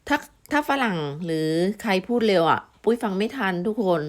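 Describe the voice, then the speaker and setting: A woman's voice: medium pitch, animated, moderate pace. A Thai woman vlogger with an Isan accent, chatting casually to her viewers, giving friendly warnings with many fillers.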